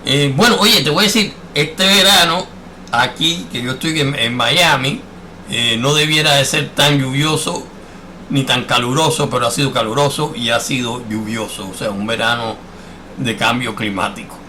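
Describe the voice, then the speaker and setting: Radio host guy, chatty friendly, bright sharp voice, filler words everywhere. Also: mid-range voice, normal speed, a little hiss or hum. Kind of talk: radio interview. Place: Miami.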